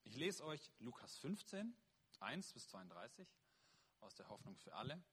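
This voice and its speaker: A man's voice: mid-range voice, sing-song, normal speed, fairly bright tone. A man preaching, who first reads a Bible passage aloud and then explains it as a sermon, earnest and with small slips. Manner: husky voice, earnest reading with slips and self-corrections.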